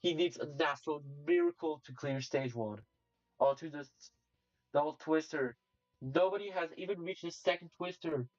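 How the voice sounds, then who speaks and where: Excitable young man commentating a game. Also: fairly high pitch, no room sound. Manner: halting, lots of fillers and restarts, bursts into excited shouts. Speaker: streamer commentating a game competition. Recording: distant dull mic with faint music.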